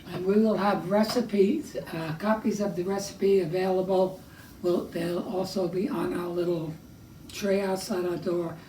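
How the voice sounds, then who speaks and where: An older man co-hosting a homemade cooking video, making dry, low-key remarks in casual chat. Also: fairly even intonation, unhurried, warm tone. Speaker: co-host of a home cooking video. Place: room in a retirement community home. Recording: echoey room, voice from far off, faint hiss.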